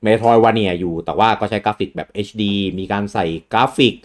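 A man hosting a casual gaming chat, relaxed and rambling with fillers and restarts. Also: lowish voice, normal speed. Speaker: host.

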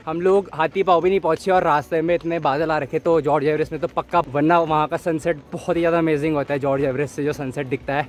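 This young adult cycling vlogger chats to viewers as he rides mountain roads, sharing tips and sprinkling in English words. His fairly high, steady voice moves quickly with few pauses, and loud music plays behind it. A phone or action camera at arm's length captures the audio.

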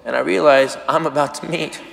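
A man telling a self-mocking story on stage as a stand-up comedian, animated and acting out voices. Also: a little high, fairly quick, creaky. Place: comedy stage before a crowd. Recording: roomy live venue with audience.

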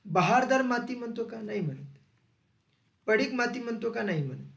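A male teacher taking students through an exam-prep grammar lesson. He asks questions and then repeats the answers slowly. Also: very high voice, expressive, vocal fry, a bit bright. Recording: echoey room.

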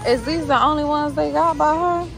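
A woman's voice: high-pitched, normal speed, gravelly, a crowd in the background. A woman, filming a chatty grocery vlog while walking supermarket aisles with a handheld phone and talking to her viewers as "y'all.". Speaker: vlogger. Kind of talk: casual grocery vlog narration. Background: store background music.

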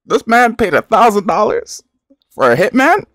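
A man casually reacting to a video, with slow, exclamatory interjections and frequent laughter. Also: high-pitched, big pitch swings, a bit bright.

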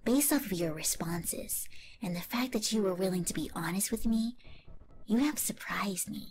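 A woman voicing a scheming, gloating evil lemon clone villainess in an online fan story, delivering a slow, menacing monologue in a whispery voice. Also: medium pitch, darkish tone, a little hiss or hum, close to an everyday voice, poor audio. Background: music.

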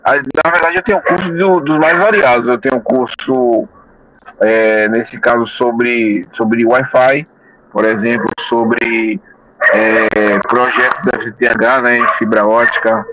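A man's voice: mid-range voice, fairly even intonation, slow pace, crowd noise. A man talking from his car over a Bluetooth headset mic on speakerphone. He is asking a question in an online class, hesitant, with many restarts and repeated words. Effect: heard through a Bluetooth headset mic on speakerphone. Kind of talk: casual spoken question. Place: in a car while driving. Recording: noisy car line through a Bluetooth headset.

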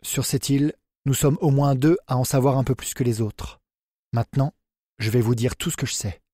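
Man playing a solemn confessing man, dark timbre, slow and hushed, audiobook. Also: mid-range voice, no room sound, studio quality, close to an everyday voice. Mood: grave. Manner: grave, deliberate, hushed. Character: secretive middle-aged man confessing.

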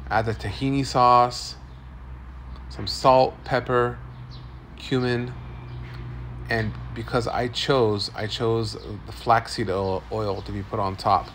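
A man's voice: mid-range voice, steady tone, slow pace, fairly bright tone, a little hiss or hum. A man in his forties doing upbeat tour-guide commentary as a food vlogger, filming on a phone at an outdoor street food stall. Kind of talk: casual walk-and-talk food narration.

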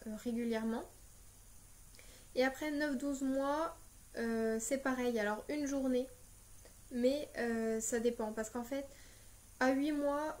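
Soft-toned French mom vlogger, hesitant. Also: female voice, a little high. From France. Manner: hesitant, many filler pauses. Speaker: parenting vlogger. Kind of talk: casual advice vlog.

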